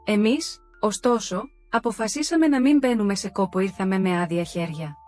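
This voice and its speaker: A woman's voice: mid-range voice, darkish tone, soft background music, close to an everyday voice. A woman voicing a smug, freeloading sister-in-law who brushes off the complaints in a breezy, dismissive way.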